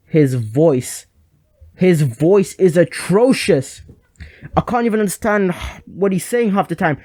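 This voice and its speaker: A man's voice: medium pitch, darkish tone, dry recording. A young man giving a rambling, sarcastic comedic game review at a home microphone. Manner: rambling, sarcastic, lots of fillers.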